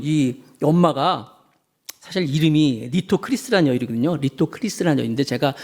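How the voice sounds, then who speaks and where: A middle-aged male pastor giving a sermon, telling the story in an animated way and putting questions to the congregation. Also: a little high.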